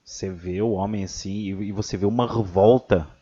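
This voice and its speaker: A man's voice: fairly low pitch, steady tone, a little fast, dark tone, slightly rough. A man hosting a podcast, chatting casually and telling stories with frequent restarts and repeated words. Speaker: podcast host. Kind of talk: casual chat. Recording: muffled lo-fi audio.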